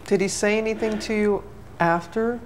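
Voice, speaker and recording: A woman interviewer asking calm, direct questions for a news program. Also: medium pitch, moderate pace, a little hiss or hum.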